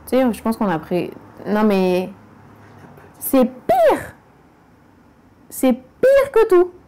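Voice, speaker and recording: A French woman is interviewed casually for a documentary, speaking frankly and emphatically straight to the listener. Her voice is fairly high and dark in tone, with wildly swooping pitch and an extremely slow pace.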